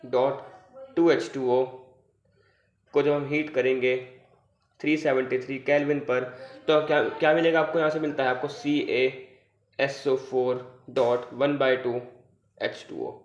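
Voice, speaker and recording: A man's voice: mid-range voice, level tone, unhurried, long pauses, dull audio. A man teaching a chemistry class, asking and answering his own questions and checking in often with students. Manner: repetitive question-and-answer teaching, frequent "theek hai". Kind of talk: online class lecture in Hindi with English terms. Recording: echoey room.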